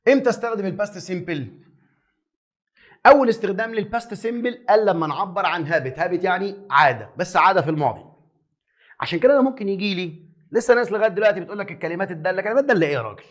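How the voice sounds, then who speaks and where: Fast, high-voiced Egyptian teacher. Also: male voice. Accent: Egyptian Arabic. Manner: lively, teasing, asks and answers his own questions. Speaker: English teacher. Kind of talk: exam review lesson.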